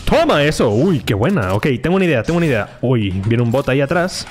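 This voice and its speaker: Excitable Mexican gamer man. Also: mid-range voice, fast, over music. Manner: excitable, talks to his chat, repeats words in bursts. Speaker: gaming streamer. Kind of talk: live gameplay commentary.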